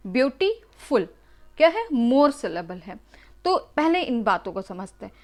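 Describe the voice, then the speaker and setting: High-voiced, slow-paced teacher explaining grammar. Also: female voice. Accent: Indian English. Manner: slow, explanatory, asks and answers own questions. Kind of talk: recorded online lesson, Hindi-English mix.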